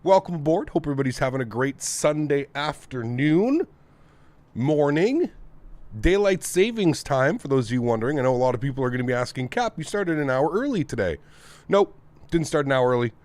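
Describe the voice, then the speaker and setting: A North American man with a slightly high, darkish voice hosts a casual live stream from his home flight sim setup, talking a little fast with lively intonation and no echo. His throat is congested from the weather, so he sounds nasal, but he stays upbeat and friendly while greeting viewers one at a time.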